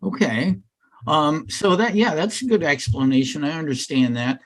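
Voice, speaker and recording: Interviewing male host, slightly high voice. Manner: brief affirming responses, halting questions. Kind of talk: casual interview questions.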